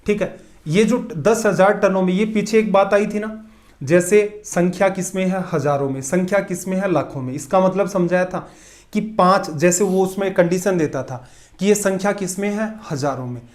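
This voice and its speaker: A man's voice: high-pitched, normal speed, a little mellow. A man teaching a competitive-exam math lesson, asking questions and answering them himself, with emphatic repetition.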